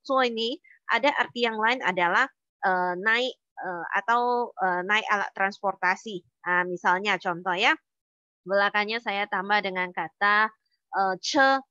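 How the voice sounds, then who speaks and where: A woman's voice: medium pitch, bright, forceful tone, dry recording, lo-fi sound. A woman teaching a Mandarin lesson online, explaining words step by step with patient fillers.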